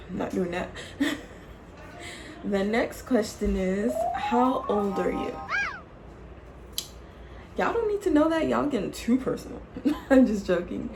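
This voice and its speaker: A woman in her late twenties, a native English-speaking YouTube vlogger, chats casually to camera in a mid-range, gravelly, somewhat mellow voice with slight background noise. She's playful and teasing, laughs often, and calls her viewers y'all.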